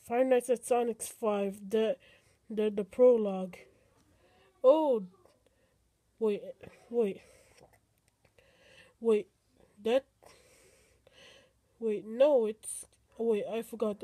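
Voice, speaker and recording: Slow, halting high-voiced woman. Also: warm tone. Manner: halting, many fillers and restarts. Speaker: home video maker. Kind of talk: casual improvised home movie talk. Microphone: phone camera.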